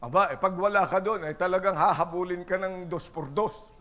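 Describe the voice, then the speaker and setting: A man with a high-pitched voice preaches a sermon to his church. He moves between earnest exhortation and playful, teasing asides to the people in the pews. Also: brisk, sharp tone. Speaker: pastor.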